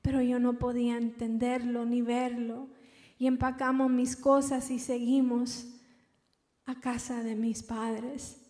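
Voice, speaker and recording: Young woman, emotional personal testimony, slightly high voice, reverberant church hall. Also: level tone, darkish tone. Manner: halting, repeating words as she recounts.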